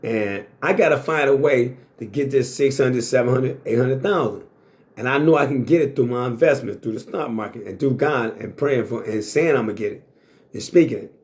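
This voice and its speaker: A sixty-year-old man talks straight to the camera in a blunt, boastful way, swearing freely and circling back to the same points. His voice sits at a middle pitch for a man. It is a casual, unscripted monologue. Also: moderate pace, darkish tone. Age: 60s. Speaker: vlogger.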